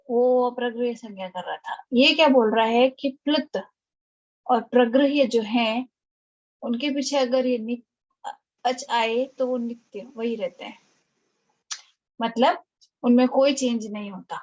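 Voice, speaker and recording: A woman's voice: a little high, measured pace, long pauses, a little mellow, dull audio. A woman teaching an online lecture, explaining step by step and often checking that students follow.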